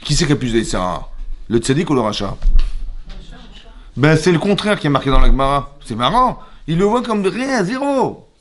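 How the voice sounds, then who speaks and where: Rabbi guy giving a torah class in a synagogue, lively, keeps asking the room if they got it. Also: on the high side, brisk. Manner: lively, asks the audience questions; acts out quoted dialogue.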